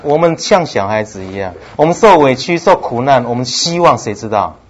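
Male pastor, sermon delivery, very expressive rise and fall, laughs a lot. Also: mid-range voice, moderate pace. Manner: lively storytelling, acts out dialogue, laughs often. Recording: slightly dull with faint background noise.

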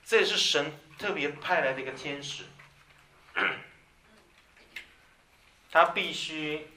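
A man delivers a sermon in a crisp, bright voice. He moves between soft, intimate asides and loud, emphatic lines. He sounds roomy and a little distant from the mic, with faint ambience behind him. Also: a little high, takes it slowly. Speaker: preacher. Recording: echoey room from a distance.

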